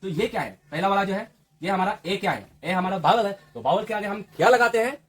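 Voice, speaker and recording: A man's voice: high voice, lively intonation, brisk, breathy edge. A man teaching an English grammar lesson who keeps asking the viewer questions and answering them himself. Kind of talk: classroom-style lesson.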